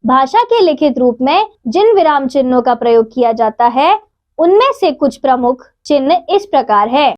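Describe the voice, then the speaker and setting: A woman teaching a grammar lesson to children, reading out examples slowly and clearly. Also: high voice, sing-song.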